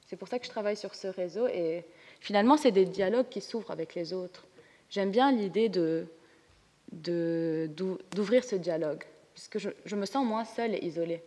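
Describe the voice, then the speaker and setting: A woman's voice: medium pitch, moderate pace, mellow. A woman with a Lebanese accent, speaking as a panelist in a casual, spontaneous and frank way. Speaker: panelist, comics artist. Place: conference hall. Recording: reverberant lecture hall.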